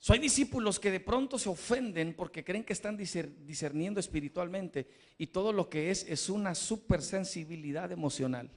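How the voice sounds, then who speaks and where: A middle-aged man preaching a sermon to a live congregation in a church, emphatic, repeating his questions and building up to shouts. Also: high voice, a little fast, few pauses.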